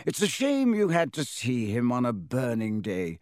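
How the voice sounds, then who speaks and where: A man reading a storybook aloud, voicing an old male wizard headmaster who speaks slowly and kindly. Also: mid-range voice, huge pitch swings, a little mellow, no room sound, studio quality. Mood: gently amused.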